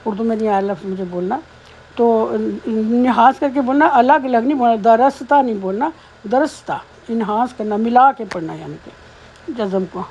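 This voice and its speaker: A woman teaching Quran recitation, patiently explaining pronunciation between slowly chanted verses. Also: on the high side, warm tone, a little hiss or hum. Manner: slow melodic chanting of verses, then patient spoken explanation. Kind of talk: tajweed lesson, recitation with explanation.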